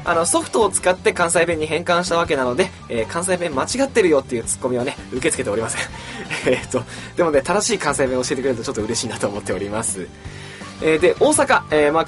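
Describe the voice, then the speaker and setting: A man from Saitama, Japan, hosting a book podcast, introducing a new title in a chatty, animated way with frequent fillers. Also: fairly high pitch.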